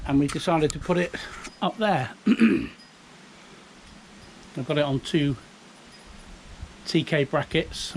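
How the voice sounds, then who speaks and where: Outdoors beside a house in the breeze, a British hobbyist video maker in his fifties rambles through a chatty, unpolished show-and-tell. His voice is fairly high. The handheld camera or phone recording is poor, with a little hiss or hum.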